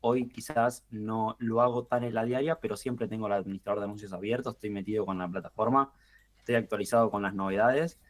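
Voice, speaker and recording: Young argentine guy w a lowish voice, chill podcast guest, lots of ehs and restarts. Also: a little fast. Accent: Rioplatense Argentine. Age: 20s. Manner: relaxed, thinks aloud with fillers and restarts. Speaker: guest marketing expert. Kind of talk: podcast interview.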